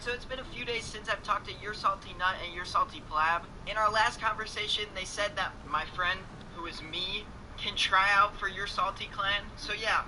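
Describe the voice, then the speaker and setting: A young man narrating his gaming video in a hyped, promotional way. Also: high-pitched. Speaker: gaming YouTuber. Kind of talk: casual gaming vlog narration. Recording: noisy game audio behind.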